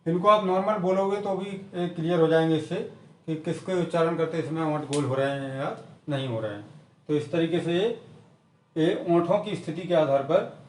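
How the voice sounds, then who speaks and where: A man's voice: on the high side, a little mellow, a little hiss or hum. Echoey, distant man teaching grammar. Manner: repetitive, drills definitions slowly. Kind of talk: exam-prep lesson.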